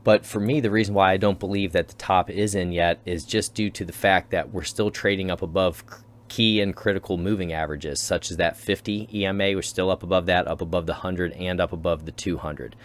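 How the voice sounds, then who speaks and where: A man with a low, deep voice walks viewers through price charts in a casual, explanatory way. He keeps returning to the same key terms as he points things out on screen. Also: steady tone, fairly quick. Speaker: crypto channel host. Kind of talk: chart analysis commentary.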